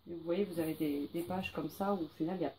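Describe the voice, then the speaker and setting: Female book vlogger, mellow and relaxed, chatty with fillers; light background hiss. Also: low-pitched, quick pace. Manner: chatty, lists titles with many fillers. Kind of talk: casual to-read pile presentation.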